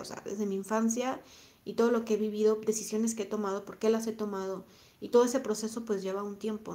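A woman with a Mexican accent, in her thirties, talking on a live stream and answering chat comments in a reflective, soft-spoken way, often repeating her phrases. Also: mid-range voice. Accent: Mexican Spanish. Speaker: vlogger reading live chat.

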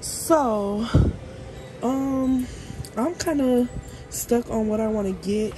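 Slow-paced and a little high, yet dark in tone, this woman's voice carries over soft background music and a noisy store. She's a vlogger in supermarket aisles, casually chatting and thinking aloud while reading labels for her shopping vlog.

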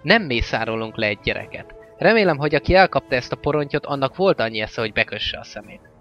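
A man's voice: medium pitch, sing-song, fairly bright tone. Grom, a man reading as a stern orc warlord. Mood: commanding. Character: fierce male orc warlord, weary and commanding. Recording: slightly dull lo-fi with faint music.

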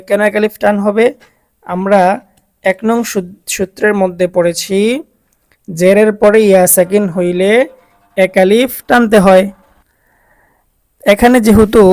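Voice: medium pitch, darkish tone. Patient teacher explaining step by step. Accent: Bangladeshi Bengali. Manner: slow, patient, repeats and quizzes learners. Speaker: Quran reading teacher. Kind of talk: recorded step-by-step lesson.

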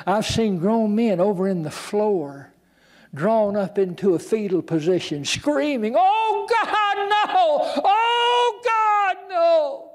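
An older man preaches to his congregation in a church, leaning into drama and giving voice to the people in his stories. His voice sits a little high for a man. He speaks slowly and deliberately. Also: warm tone. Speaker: pastor. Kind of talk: sermon.

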